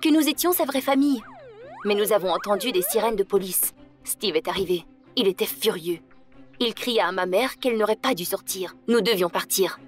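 A woman narrates a first-person story in a scripted, storytelling delivery. Her voice sits at an ordinary middle pitch and swells with emotion in the dramatic parts. A faint music bed runs quietly beneath her. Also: moderate pace. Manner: dramatic, emotional delivery that rises in tense moments.

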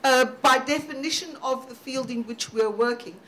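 A woman with a high voice answers questions at a roundtable in a measured, thoughtful way. A faint background hiss sits under her voice. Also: a bit bright. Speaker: panelist.

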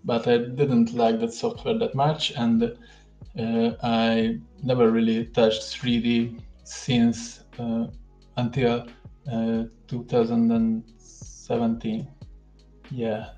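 A young man from Hungary with a Hungarian accent, a guest speaking over a headset on a video call, pausing often and filling gaps with "uh". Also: medium pitch, monotone, warm tone, roomy sound, muffled recording, soft background music. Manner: hesitant, many pauses and fillers. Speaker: guest 3D artist. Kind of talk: livestream video call interview.

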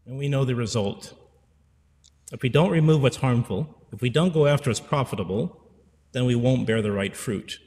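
With a medium pitch and a slightly mellow quality, a man in his forties preaches at a moderate pace. He is a priest giving an earnest pastoral sermon into a pulpit stand mic, repeating phrases for emphasis, and the church sanctuary lends a big-room sound.

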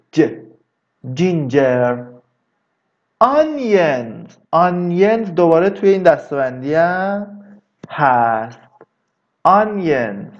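A man teaching English vocabulary in a casual lesson, drawing words out slowly and adding chatty asides. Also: on the high side, muffled recording. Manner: slow, drawn-out repetition of words, chatty asides.

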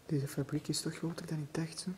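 A man with a Flemish accent narrating an exploration vlog through an abandoned factory, talking in a hushed voice that often drops to a whisper. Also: on the high side, level tone, brisk. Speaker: urban explorer vlogger. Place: abandoned factory, large empty halls indoors. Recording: noisy handheld camera audio.

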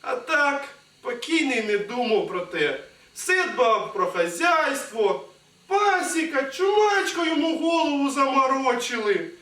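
Schoolboy playing a pompous shouting would-be nobleman; high, lively voice, echoey school hall from afar. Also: unhurried, exaggerated voice. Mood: musing. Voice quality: blustering, indignant shouting. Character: pompous blustering rural would-be nobleman, older. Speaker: student actor. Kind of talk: school stage play. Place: school stage. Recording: echoey hall, mic far off.

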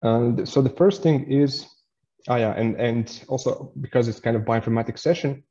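A man's voice: mid-range voice, normal speed, mellow, highs cut off. A man in his thirties from Latvia, giving a science lecture in a webinar, hesitant with fillers and restarts. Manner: hesitant, many fillers and restarts while explaining.

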